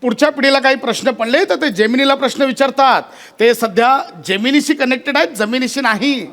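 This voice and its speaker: A man acting in a Marathi stage comedy sketch, scolding and shouting in exasperation. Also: extremely high pitch, a little fast. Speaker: comic actor in a sketch. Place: television studio stage.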